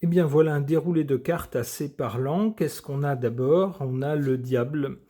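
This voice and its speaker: A man, a tarot reader who reads out a news article and comments on it, pausing often with filler sounds and ironic asides. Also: on the high side, over music. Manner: hesitant, many filler sounds.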